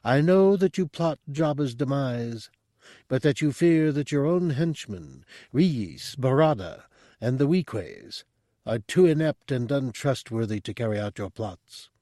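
A man voicing a calm, telepathic spider-bodied male monk who speaks in a soft, measured, coaxing way. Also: medium pitch, dry recording, studio quality, voice pushed up, lightly acted. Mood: persuasive.

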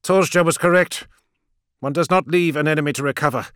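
A man's voice: on the high side, brisk, a bit bright, clean tone, no room sound, clean studio sound, voice pushed up, natural voice. A male narrator voicing a zealous older priest who speaks in an impassioned, preaching manner. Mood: scornful. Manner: impassioned, preaching, rising declamation.

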